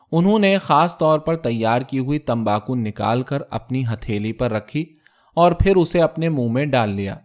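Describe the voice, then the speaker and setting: Narrating a short story, a male storyteller holds an even, unhurried pace throughout. His delivery is steady and measured, and his pitch sits in a normal middle range.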